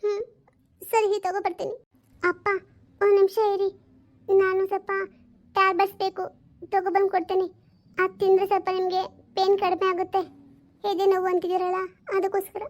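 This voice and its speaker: A woman voicing a caring young daughter who gently reassures her sick father. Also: extremely high pitch, little pitch movement, brisk, long pauses.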